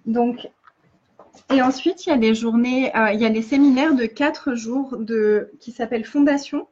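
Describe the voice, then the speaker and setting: A woman's voice: on the high side, moderate pace, a little mellow, highs cut off. A woman facilitator giving earnest casual coaching in a live video, often restarting and repeating phrases.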